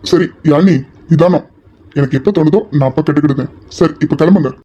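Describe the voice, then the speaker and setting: A woman voicing a calm, patient young husband who speaks softly and keeps pressing to be heard, in a dull lo-fi audio drama recording. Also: low voice, a little fast. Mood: gentle.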